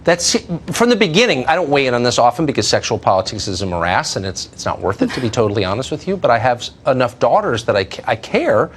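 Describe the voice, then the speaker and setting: A man's voice: medium pitch, big pitch swings, quick pace, hardly any pauses, slight background noise. A man interviewing a guest in an earnest, conversational way, sometimes restarting his sentences.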